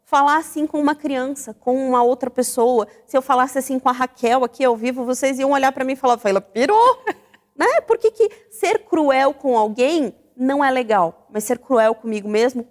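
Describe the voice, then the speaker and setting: Female talk-show host, high-pitched, reflective and questioning, long room reverb. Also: normal speed. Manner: reflective, animated, asks the audience questions.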